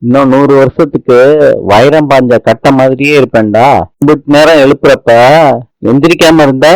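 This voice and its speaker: A man's voice: mid-range voice, moderate pace, no room sound, natural voice, poor audio. A boastful old grandmother who teases her grandson and scolds him fondly, read by a man in his everyday voice. Her manner is playful and bossy. The sound is dry and close, with no room around it. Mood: teasing.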